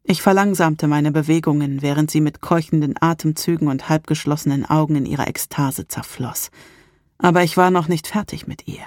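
A woman narrating a first-person erotic story in a calm, intimate reading style. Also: low-pitched, no room sound, clean studio sound. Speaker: audiobook narrator.

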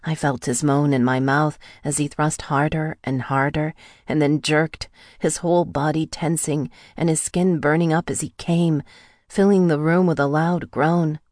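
A woman narrating a first-person romance audiobook in an intimate, breathy delivery. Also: deep voice, steady tone, measured pace, a little mellow, dry recording, clean studio sound.

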